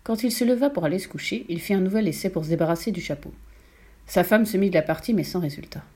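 A woman narrating a children's novel in a measured, expressive storytelling manner. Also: on the low side, husky. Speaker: audiobook narrator.

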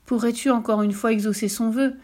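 A woman's voice: on the high side, steady tone, brisk, a little mellow, pitched above the performer's own voice, natural voice. A woman reading a storybook and voicing a poor, humble old fisherman with a meek, hesitant way of talking. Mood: stammering.

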